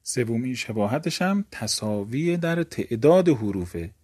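A man's voice: mid-range voice, expressive, a little mellow, slightly rough. A male teacher giving a grammar lecture, explaining step by step and asking the class questions that he then answers himself.

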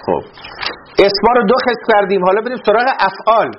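A man's voice: high-pitched, dull audio, background noise. A man teaching Arabic grammar in a classroom lesson, reading a text aloud and explaining it, asking questions and answering them himself.

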